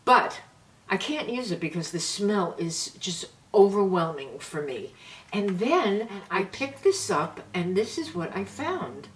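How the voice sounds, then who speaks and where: An older New woman in her seventies chats unhurriedly to her viewers, showing off products one at a time in a friendly, homey manner. Her voice sits at an ordinary pitch. She is heard from a little way off the mic, with a faint hiss behind her. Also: big pitch swings, measured pace, recorded from a distance. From New York. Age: 70s. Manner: chatty, homey, shows items one by one. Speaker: beauty vlogger. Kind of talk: casual product chat to camera.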